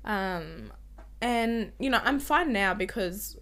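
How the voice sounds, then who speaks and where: A woman's voice: medium pitch, animated, takes it slowly, fairly bright tone. A young woman co-hosting a podcast in casual, rambling, giggly chat, her voice a little off and limited in volume from a recovering sore throat. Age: young adult. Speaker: podcast co-host.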